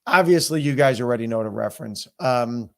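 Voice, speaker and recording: Hoarse guy with a sore throat doing a blunt opinion rant to viewers, medium pitch, really emphatic. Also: brisk. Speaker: political commentator.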